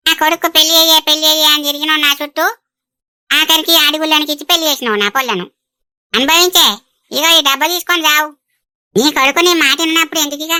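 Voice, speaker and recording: A woman voicing a sharp-tongued middle-aged village aunt in a cartoon, scolding and teasing. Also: high voice, quick pace, dry recording, clean studio sound. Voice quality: bright, scolding. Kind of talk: Telugu cartoon dubbing.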